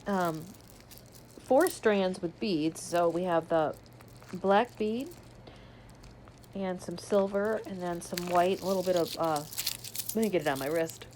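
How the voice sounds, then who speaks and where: A woman with a lowish, slightly mellow voice speaks a little slowly and pauses often, with slight background noise. As an unboxing vlogger, she chats casually while pulling each item from a subscription box and describing it, hiccuping along the way.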